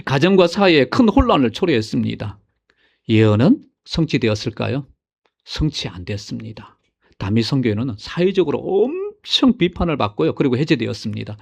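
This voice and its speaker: A man preaching a sermon as senior pastor, swinging between loud exclamations and hushed asides and putting questions to his congregation. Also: medium pitch, sing-song, moderate pace, vocal fry, breathy edge.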